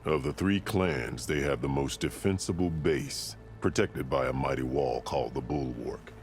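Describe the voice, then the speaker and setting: Music plays clearly behind a battle-scarred chieftain whose voice is exceptionally deep. Formal, solemn and authoritative, he tells his part in measured fashion, like a ruler who prizes order, as dramatic video game dialogue.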